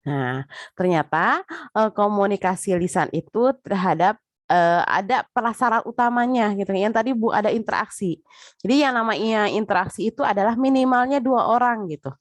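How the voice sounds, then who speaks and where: Female lecturer, chatty and direct, mid-pitched, dry close sound. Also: normal speed, no room sound. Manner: chatty, repeats filler tags, addresses listeners directly. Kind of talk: casual spoken lecture.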